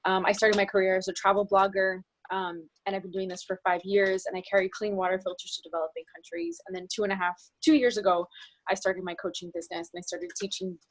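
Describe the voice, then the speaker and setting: A woman's voice: medium pitch, fairly even intonation, fast, rough recording. A woman from the New Jersey area, a business coach and guest on a video call, talking earnestly and at length with many restarts. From New Jersey area, United States. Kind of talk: video call group discussion.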